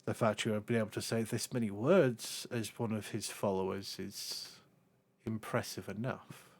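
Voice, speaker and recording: A man playing a haughty, dismissive deity with a formal, measured, condescending way of speaking. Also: lowish voice, fairly even intonation. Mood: disdainful.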